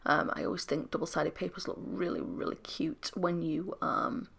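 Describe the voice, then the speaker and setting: British woman, ill, losing voice, gravelly, half-whispered, rambling, right on the mic. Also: low-pitched, big pitch swings, moderate pace, a bit bright. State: unwell, losing her voice. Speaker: scrapbooking channel host. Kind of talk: casual voiceover narration. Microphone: very close to the microphone.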